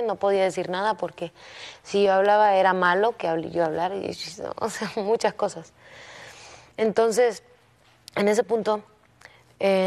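Hesitant young woman confiding softly. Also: medium pitch. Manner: soft-spoken and hesitant, with many restarts. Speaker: singing competition contestant. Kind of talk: personal confession to a teacher.

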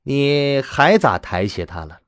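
A blunt, probing old grandmother, put on by a man. She talks slowly and measuredly, leaning on each word, her pitch rising and falling with life, in a dry close recording. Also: very animated, fairly bright tone, clean tone, no echo, heavily acted. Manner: slow, measured, pressing questions.

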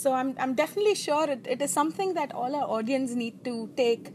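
A woman's voice: high voice, expressive, racing, a little mellow, slight background noise. A young woman with a South Indian accent hosting a casual interview, sometimes slipping into Tamil. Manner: mixes Tamil into English, repeats words while phrasing. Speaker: interviewer and host. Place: outdoor garden seating.

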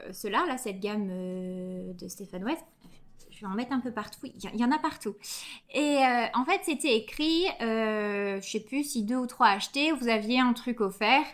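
A young woman hosting a knitting podcast, chatting casually and enthusiastically with many fillers as she shows her purchases. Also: fairly high pitch. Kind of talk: casual show-and-tell chat.

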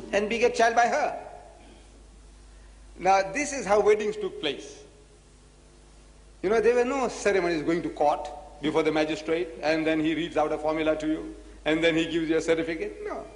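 A man with a high voice delivers a sermon-style lecture. He presses his points with questions and repetition. The recording rings with long hall reverb. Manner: emphatic, rhetorical questions, repeats phrases. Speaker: Islamic preacher. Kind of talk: preaching lecture to an audience.

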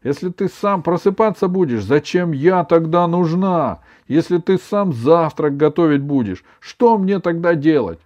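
A man voicing a fussy, bossy old grandmother who cries easily, speaking in a high, loud, indignant scolding tone. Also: expressive, measured pace, few pauses, muffled recording.

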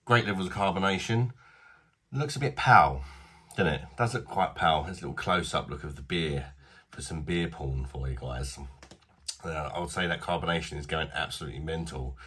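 A man's voice: a bass voice, brisk, fairly bright tone, breathy edge. A man in his thirties with a British accent, chatting bluntly and casually while reviewing a beer in a small home bar. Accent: British English. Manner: chatty, blunt, self-deprecating.

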